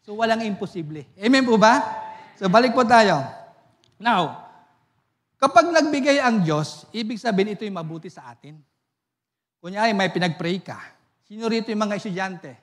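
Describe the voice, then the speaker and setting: A male pastor with a high-pitched voice preaches at a church service at normal speed, pausing often. He tells stories lively and with frequent laughter, asking the congregation for amens.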